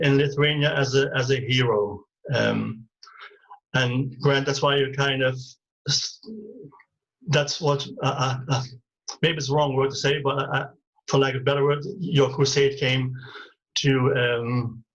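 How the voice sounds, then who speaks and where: A man hosting an interview, asking questions hesitantly and searching for words, on dull lo-fi audio. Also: mid-range voice. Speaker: host.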